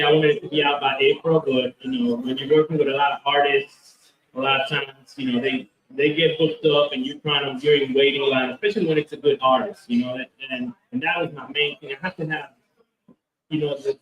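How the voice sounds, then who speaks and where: Interviewed as a guest in a convention hall, this comic book creator has a medium-pitched, somewhat bright voice and talks fairly quickly. His speech rambles, filled with fillers and restarts. He's far from the mic, and the audio is dull and echoey.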